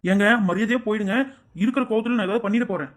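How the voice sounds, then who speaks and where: A woman's voice: mid-range voice, quick pace, natural voice. A woman voicing a sulky young wife who complains that nobody understands her. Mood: aggrieved. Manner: whiny, complaining, self-pitying.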